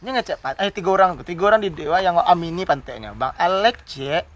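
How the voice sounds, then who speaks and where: Young man, quick talker, casual podcast chat. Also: high voice. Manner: animated storyteller, acts out quotes. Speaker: podcast co-host.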